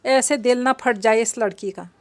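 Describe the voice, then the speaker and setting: A woman's voice: fairly high pitch, normal speed, a little mellow, no room sound, lightly acted. A woman voicing two nervous young men muttering warily to each other. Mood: scheming. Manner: wary, muttering asides.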